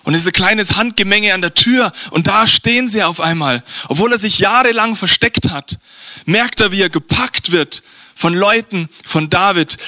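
A man with a high, bright voice tells a Bible story dramatically. His delivery is vivid and theatrical, and the sound is dry and close to the mic. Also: dry recording. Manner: vivid and theatrical, slowing for effect. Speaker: preacher.

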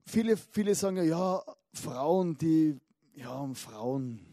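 A man preaching a lively sermon, telling stories and tossing in frequent asides. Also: on the high side, slow pace, no echo, clean studio sound. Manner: animated storytelling with frequent asides.

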